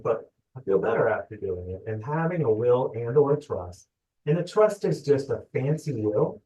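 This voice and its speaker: A man giving a live financial webinar, talking fast and upbeat and asking himself his listeners' questions. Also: medium pitch, a little mellow, distant mic. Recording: dull, lo-fi webinar audio from off-mic.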